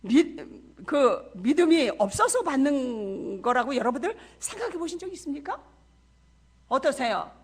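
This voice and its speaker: A woman's voice: sits high, very animated, a little slow. A middle-aged woman missionary preaching a sermon in a church, passionate and full of rhetorical questions to the congregation.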